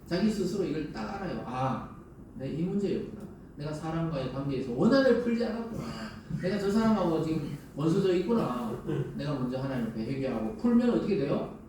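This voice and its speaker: Pastor preaching in an echoey hall. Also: male voice, a little high, big pitch swings, a little fast, dark tone. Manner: conversational preaching with rhetorical questions to the congregation. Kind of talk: sermon. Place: large church sanctuary. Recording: very echoey church hall, voice from a distance, faint hum.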